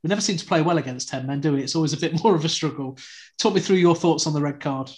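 A man with a fairly high voice runs a fan football podcast, chatty and quick to tease his guests. He steers the talk with pointed questions. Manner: chatty, leading questions, teasing. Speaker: podcast host.

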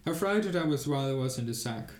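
A man reading aloud and voicing a cunning little peasant who spins a tall tale, sly and lively, in a roomy-sounding space. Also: mid-range voice, quick pace, close to an everyday voice.

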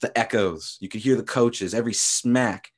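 A man hosting a casual sports podcast who rambles in a relaxed way and swears freely. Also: on the low side, normal speed, breathy edge. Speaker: podcast host.

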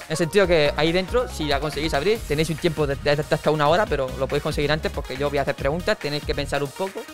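A man's voice: fairly high pitch, racing. Man hosting a podcast, music behind. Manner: loose, filler-heavy, game-show announcing. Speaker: podcast host. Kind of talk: casual podcast chat.

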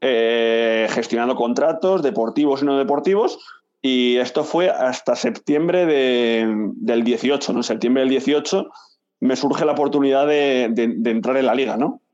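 A man in his thirties from Madrid, Spain, relaxes into casual interview talk as a guest recounting his career, chatty and often ending lines with "¿no?". His voice is medium-pitched at a normal speed, and the sound is lo-fi.

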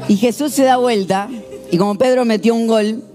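A man preaching a sermon as a pastor, telling the story in an animated way. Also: extremely high pitch, normal speed, over music. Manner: animated, storytelling, shifts into quoted voices.

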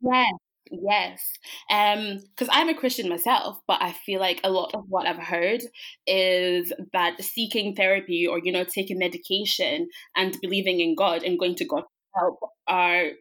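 As a guest on a podcast, a Zimbabwe-born woman in her twenties who grew up in Scotland and studied psychology and counselling reflects conversationally on the questions. Her voice is on the low side with fairly even intonation, normal speed, and a fairly bright tone.

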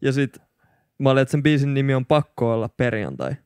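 A man's voice: medium pitch, sing-song, a little mellow, clear, resonant tone, no echo, clean studio sound. A man co-hosting a podcast, talking about his music in an earnest, reflective way. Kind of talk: casual chat.

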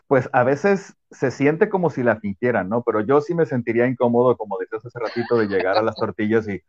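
A man's voice: medium pitch, fairly quick, no echo, lo-fi sound. A man from Guadalajara with a Mexican accent, a voice-over narrator chatting casually and easily in an interview.

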